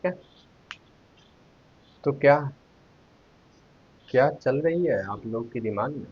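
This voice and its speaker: In an animated, husky voice of medium pitch, a man teaches Hindi grammar online at a slow pace, sounding out letters one by one. He poses questions to viewers and then answers them himself, captured in a dull lo-fi recording.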